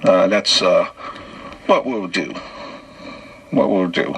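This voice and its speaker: A man with a gravelly, husky voice runs through a loose solo comedy monologue. His tone is forceful and bright, and he chuckles between the punchlines. He often restarts his lines as if making it up on the spot. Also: sits low, takes it slowly, poor audio. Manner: wry joke-telling, chuckling between bits. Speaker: podcast host.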